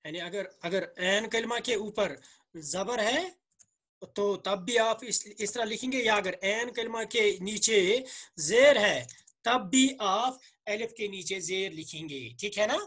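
A man with a Kashmiri accent and slightly hoarse throat, teaching a grammar lesson, asking questions and answering them himself while repeating words slowly. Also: sits high, a bit bright. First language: Urdu. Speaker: Arabic teacher.

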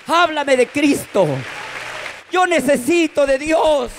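A man voicing a desperate drunk man who pleads for help in a drawn-out way, with a Peruvian Spanish accent. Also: very high voice, a crowd in the background, noisy background, pitched above the performer's own voice, heavily acted. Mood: pleading.

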